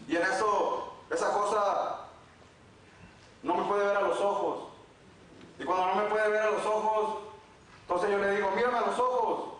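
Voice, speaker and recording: A man's voice: high voice, fairly bright tone. A man preaching in a church, telling a testimony in an earnest, repetitive storytelling way. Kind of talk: sermon testimony. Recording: very echoey, from far off.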